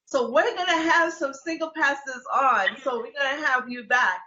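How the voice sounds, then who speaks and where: A woman's voice: high voice, normal speed, sharp tone. A woman hosting a casual talk show, teasing her guests and laughing often. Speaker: host. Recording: lo-fi, roomy sound.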